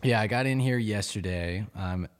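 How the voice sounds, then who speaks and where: A man in his twenties from Colorado, a guest on a studio podcast, chatting in an easygoing way and quick to laugh. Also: on the low side. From Colorado, USA. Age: 20s. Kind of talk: casual podcast chat.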